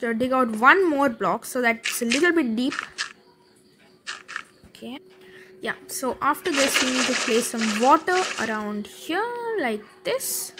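A woman with a high, bright voice narrates a casual Minecraft building tutorial, chatting with fillers and quick laughs as she thinks aloud while she builds. A faint hiss sits in the background.

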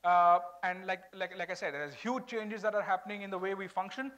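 High-pitched, quick-talking Indian-accented man. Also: a bit bright. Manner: informal, switching between English and Hindi. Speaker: corporate HR speaker at a college event. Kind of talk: conversational stage talk with audience questions. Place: large auditorium stage.

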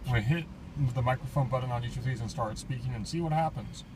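A man's voice: mid-range voice, fast. A man presenting a casual product demo as a tech reviewer. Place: inside a car on a city street. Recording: clear urban street and car noise.

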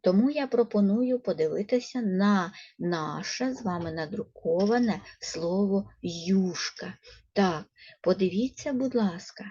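A woman teacher with a Ukrainian accent takes a first-grade class through a reading lesson, slow and patient as she coaxes the children along. Her voice is mellow and a little husky, and the lo-fi recording sounds dull. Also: medium pitch. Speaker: primary school teacher.

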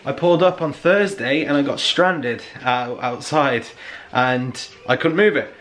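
A father in his 20s who makes family vlogs chats playfully and casually to a camera held at arm's length. His medium-pitched voice is unhurried, and loud music plays over it.

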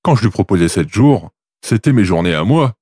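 An actor playing God as an offhand, weary, self-satisfied bureaucrat in a comedic audio drama, speaking with casual, curt authority. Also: male voice, fairly low pitch, expressive, fairly quick, mellow, breathy edge, no room sound, clean studio sound.

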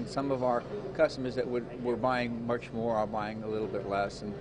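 A man's voice: medium pitch, flat delivery, moderate pace. Ny store owner guy chatting, street and traffic noise behind. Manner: conversational, wry. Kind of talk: news interview soundbite. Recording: clear outdoor street noise.

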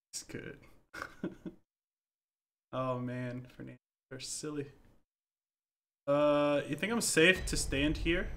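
A man's voice: mid-range voice, fairly bright tone, a little hiss or hum. A man giving laid-back, chatty commentary while streaming a game, chuckling often. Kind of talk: casual gameplay commentary.

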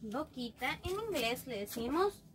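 A woman teaching a lesson to small children, coaxing them slowly and drawing out each word she repeats. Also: high-pitched, very animated, a little hiss or hum. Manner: slow, coaxing, drawn-out repetition of words. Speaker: preschool teacher.

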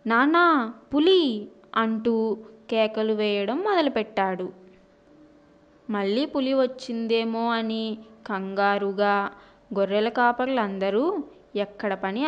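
A woman narrating a children's story in an expressive storytelling manner. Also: on the high side, smooth, dull audio.

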